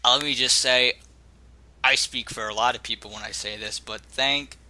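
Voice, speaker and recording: Emphatic male host, very bright voice. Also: mid-range voice, fairly even intonation, normal speed. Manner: warm, emphatic thanks, stammering restarts. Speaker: podcast host. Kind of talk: interview talk.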